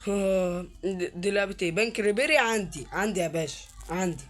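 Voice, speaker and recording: Excitable Egyptian man narrating gameplay. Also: high voice, fast. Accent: Egyptian Arabic. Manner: chatty and excitable, talks straight to viewers, repeats words while searching. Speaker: gaming YouTuber. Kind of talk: casual gameplay commentary.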